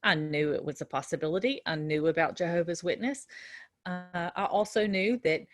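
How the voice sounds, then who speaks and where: A middle-aged woman teaching nursing students in a relaxed lecture, telling a story from her own work with fillers and restarts. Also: on the low side, moderate pace, no echo, studio quality, soft background music. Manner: conversational, with frequent fillers and restarts. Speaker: nursing instructor. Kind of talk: recorded lecture with a personal story.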